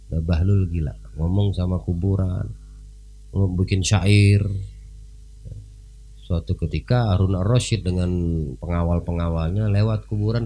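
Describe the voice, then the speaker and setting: A man giving an informal sermon, telling a story in a lively conversational way. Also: on the low side, vocal fry, slightly rough. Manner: lively, conversational, with sudden rises. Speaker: preacher.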